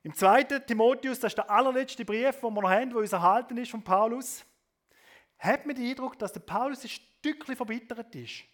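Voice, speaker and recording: A man preaching a sermon, swinging between loud emphasis and soft low asides, often adding a questioning tag to his points. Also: a little fast.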